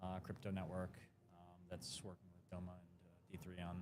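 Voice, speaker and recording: A man answering interview questions at a conference in a relaxed, hesitant way with many ums. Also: deep voice, brisk, noisy background. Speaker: guest, crypto marketing lead. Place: conference floor.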